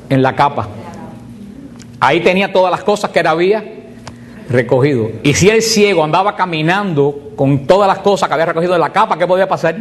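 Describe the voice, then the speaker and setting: Animated man teaching Bible class. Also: a little high. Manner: animated, asks rhetorical questions and answers them. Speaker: catechist.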